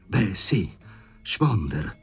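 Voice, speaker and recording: A man voicing a crude, uncouth man made from a stray dog, with a hoarse, strained, whiny voice pitched high. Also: sing-song, extremely slow, faint music behind, exaggerated voice. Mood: sheepish.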